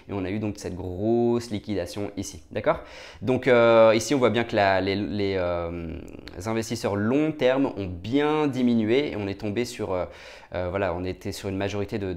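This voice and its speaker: A man talks his viewers through market charts in a loose, off-the-cuff way. His voice sits fairly low, and he peppers it with fillers and quick "okay?" check-ins as he goes. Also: a little mellow. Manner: many fillers and restarts, asks "d'accord?" often. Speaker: crypto market analyst. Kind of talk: casual screen-share chart analysis.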